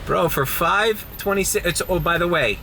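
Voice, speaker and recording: Sitting in his car early in the morning, a young man who drives rideshare tells animated stories for a casual vlog, groggy and cursing casually. His voice is high and creaky at a moderate pace, set against a noisy background.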